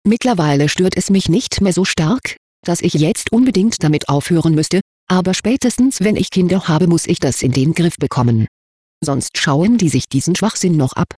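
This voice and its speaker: Husky man reading a confession. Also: high voice, lively intonation, normal speed, a little mellow, dry recording, studio quality. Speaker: reader of anonymous confessions.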